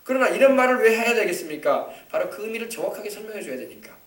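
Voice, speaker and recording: A male pastor preaching an emphatic sermon with call-and-response, now and then bursting into loud scolding rebukes. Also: sits high, very animated, quick pace. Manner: emphatic, shouts out scolding rebukes to make a point. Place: church sanctuary. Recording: echoey church hall from a distant mic.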